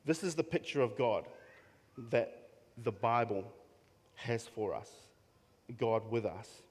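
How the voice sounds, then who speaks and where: A man's voice: mid-range voice, lively intonation. Earnest male pastor in a reverberant hall. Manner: earnest preaching with pauses and repeated phrases. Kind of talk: sermon. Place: church hall.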